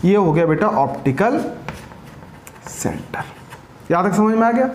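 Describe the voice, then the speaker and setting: High-pitched teacher, echoey room. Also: male voice, animated, fairly quick, a little mellow, slight background noise. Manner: keeps asking and repeating, calls students beta. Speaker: school science teacher. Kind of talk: classroom lecture.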